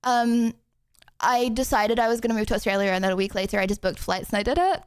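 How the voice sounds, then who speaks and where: High-voiced giggly young woman streamer. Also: fast talker, smooth, no room sound, clean studio sound. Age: 20s. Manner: giggly, rambling, lots of "like" and "bro". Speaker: streamer, host of the collab. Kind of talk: casual stream chat.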